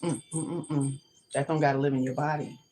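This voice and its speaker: Low-voiced woman hosting a kitchen livestream. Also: fairly even intonation, brisk, dark tone, faint music behind, low-quality recording. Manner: emphatic, repeats her points. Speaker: livestream host. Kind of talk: casual livestream monologue. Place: home kitchen.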